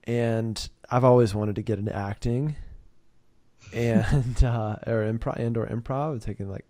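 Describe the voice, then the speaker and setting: A man's voice: medium pitch, steady tone, a little slow, mellow, no room sound. Joking male podcast host. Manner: joking, laughs often. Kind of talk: casual chat.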